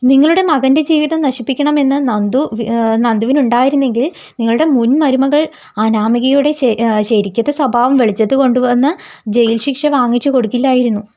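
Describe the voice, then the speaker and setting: A woman reading out the retorts of a sharp-tongued young woman in a serial recap. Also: high-pitched, fairly quick. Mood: indignant.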